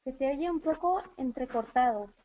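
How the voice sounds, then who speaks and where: A woman's voice: sits high, normal speed. A woman moderating a webinar, cutting in briefly and matter-of-factly over a lo-fi call connection. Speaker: webinar moderator relaying audience feedback. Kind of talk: brief practical interruption.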